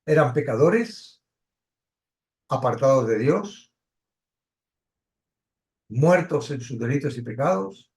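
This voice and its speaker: Animated man teaching Bible study. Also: medium pitch. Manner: questioning, emphatic, pauses and restarts.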